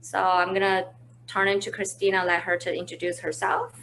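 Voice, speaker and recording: A woman from China, a marketing manager, hosts a conversational business webinar from indoors at home. Her medium-pitched voice is brisk and a bit bright with little pitch movement, and slight background noise is present. She's easygoing, full of fillers and restarts.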